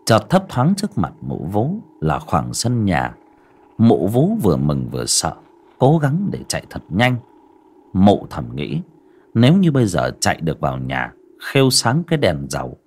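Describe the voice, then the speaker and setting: A man's voice: low voice, breathy edge. A man narrating a horror audiobook with dramatic storytelling.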